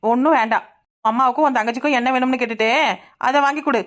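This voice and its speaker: A sharp-tongued young village wife, played by a woman in a cartoon, speaking with a Kanyakumari Tamil accent. Her voice sits high and she talks very fast, retorting often. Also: steady tone, lightly acted. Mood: sulky. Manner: sulky, retorting.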